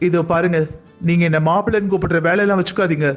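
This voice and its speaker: A protective young brother from a family cartoon, voiced by a man. He speaks firmly and defensively in a fairly high voice. Faint music sits behind him. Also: steady tone, racing, natural voice. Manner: firm, defensive. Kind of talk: cartoon dubbing.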